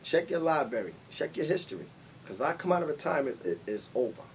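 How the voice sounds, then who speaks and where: New promoter guy, slangy and braggy, sounds a bit off-mic with faint rumble behind. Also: sing-song, fast talker, recorded from a distance. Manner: streetwise slang, boastful, repeats "you know". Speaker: event promoter and guest. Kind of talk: casual interview chat.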